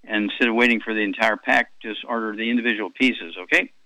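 A man's voice: lowish voice, quick pace, bright, forceful tone, no echo, low-quality recording. A man in his eighties hosting a call-in radio health show, rambling through product doses with many fillers and repeats. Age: 80s.

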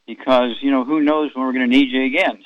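A man's voice: mid-range voice, fairly even intonation, fast talker, no room sound, muffled recording. A man in his eighties hosting a radio health talk, rambling and folksy with chatty asides. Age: 80s.

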